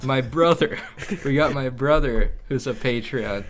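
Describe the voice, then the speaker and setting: A young man in easygoing podcast chat, with a mid-range voice that sits in the middle. He rambles along with fillers and breaks into laughs. His tone stays relaxed and conversational. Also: medium pitch, unhurried, faint music behind. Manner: laid-back, laughs often, rambling with fillers. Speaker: podcast co-host. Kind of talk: casual chat.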